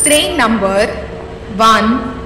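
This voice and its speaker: A woman making a railway station announcement over a loudspeaker, slow and measured, reading numbers digit by digit. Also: on the high side, lively intonation. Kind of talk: scripted public announcement. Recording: echoey distant loudspeaker over loud train noise. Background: trains and station ambience.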